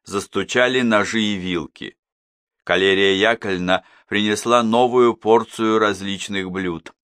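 A man narrating an audiobook in a measured, even reading. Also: lowish voice, clear, resonant tone, no echo, studio quality.

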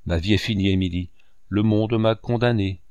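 A man's voice: lowish voice, fairly even intonation, normal speed, a little mellow, clean tone, no room sound, lo-fi sound, lightly acted. A man voicing a proud, bitter young woman in distress, speaking with indignation.

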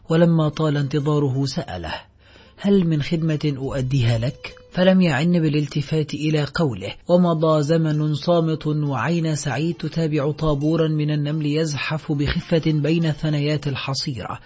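A man with a husky voice narrating a literary novel in a measured, even storytelling manner. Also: fairly high pitch. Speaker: audiobook narrator. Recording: slightly dull recording, faint music.

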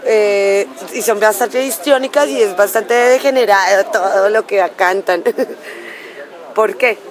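Lady interviewing a punk band, lots of ums, crowd loud outside. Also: medium pitch. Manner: hesitant, filler-heavy, joking. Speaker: radio interviewer. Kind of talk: casual interview questions. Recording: loud crowd noise outdoors.

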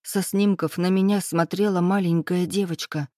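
Woman, audiobook narrator, steady first-person reading, mellow and dry sound. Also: fairly low pitch, normal speed, dry recording.

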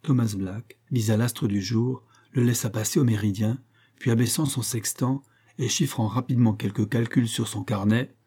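A man narrating a classic novel as an audiobook, reading in a measured way, phrase by phrase. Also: mid-range voice, steady tone, warm tone, husky. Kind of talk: scripted narration.

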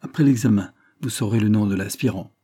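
A man voicing a gruff, emotional old corsair father. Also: lowish voice, fairly quick, warm tone. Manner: gruff, exclamatory.

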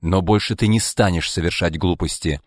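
A man voicing an irritable, powerful middle-aged man who speaks loudly and agitatedly in an audiobook. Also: low-pitched, moderate pace, dry recording, clean studio sound. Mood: stern. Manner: loud, agitated, shouting.

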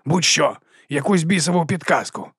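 A man's voice: fairly high pitch, quick pace, no room sound, studio quality, pitched above the performer's own voice. A man voicing a furious, bossy middle-aged department head who barks and sneers. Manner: barking, sneering, shouting.

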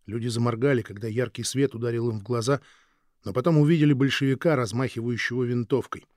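Male audiobook narrator, measured dramatic reading, dry booth sound. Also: mid-range voice, a little mellow, no echo. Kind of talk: scripted narration.

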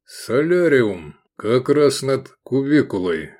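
A man voicing a sly, scheming Roman who speaks slowly and pointedly. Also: mid-range voice, sing-song, darkish tone, pitched above the performer's own voice. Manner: pointed, meaningful.

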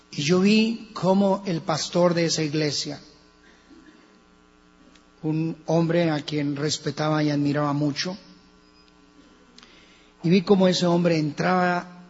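A man with a Colombian accent preaching a sermon as pastor, swinging between hushed and loud passages. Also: a little high, breathy edge. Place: church hall. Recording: lo-fi church recording with long reverb and mains hum.

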